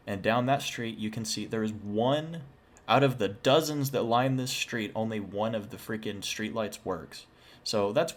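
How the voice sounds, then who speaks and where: A young adult man casually telling a personal paranormal story, chatty and full of self-deprecating asides. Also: on the low side.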